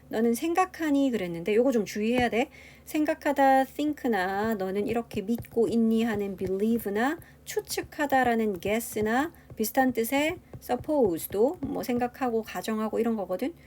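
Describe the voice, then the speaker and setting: A woman's voice: on the high side, warm tone. Woman teaching grammar step by step. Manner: explains step by step, asks rhetorical questions. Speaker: English teacher. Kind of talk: grammar lecture.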